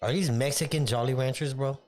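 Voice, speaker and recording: A man's voice: medium pitch, fairly quick, a little mellow. A man talking casually in a slangy, sweary stoner manner, like a podcast co-host. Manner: slangy, swearing stoner talk, says "bro" and "dude". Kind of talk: casual smoke-session chat.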